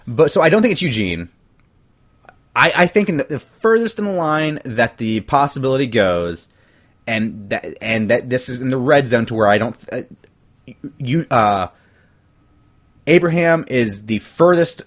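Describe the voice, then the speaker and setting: A man's voice: medium pitch, animated, moderate pace. Male podcast host, casual rambling chat, restarts sentences, swears casually, desktop mic. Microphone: desktop USB mic.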